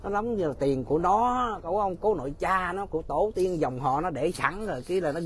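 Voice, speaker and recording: A man's voice: high-pitched, expressive, brisk, slight background noise. A man giving casual, mocking political commentary straight to his viewers, often laughing.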